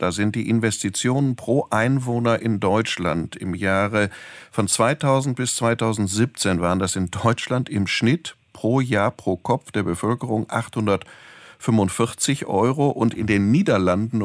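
A man asking an economist probing, deliberate interview questions. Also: fairly low pitch, dry recording.

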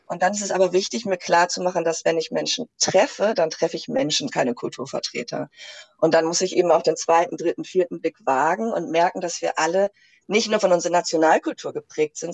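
A woman, a psychologist and lecturer, answering questions in a radio interview in a calm, explanatory way. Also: low voice, vocal fry, no room sound.

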